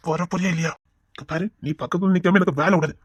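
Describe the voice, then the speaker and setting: A man's voice: high voice, fairly even intonation, quick pace, breathy edge, no echo, dull audio. A man with a Tirunelveli Tamil accent playing a flirtatious office boss who teases and wheedles. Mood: teasing. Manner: wheedling, teasing. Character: flirtatious male office boss, teasing and pleading. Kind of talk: village web-series acting.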